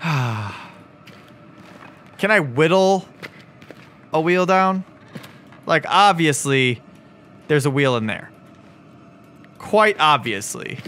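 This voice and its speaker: A man playing a video game, narrating casually with self-mocking jokes, swearing and sudden excited shouting. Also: fairly high pitch, extremely slow, long pauses. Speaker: gaming video host. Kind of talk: let's play commentary.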